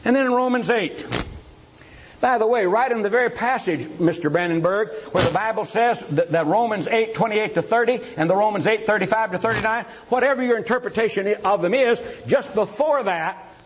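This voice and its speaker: A man in a formal religious debate, firing rhetorical questions and taunting his opponent, swinging between a raised voice and low asides. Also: fairly quick, slight background noise, low-quality recording.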